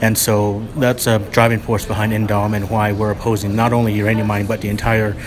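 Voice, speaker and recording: A man activist speaking in an interview, even and deliberate with the odd filler. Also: on the low side, noisy background. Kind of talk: interview statement. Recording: crowd audible behind.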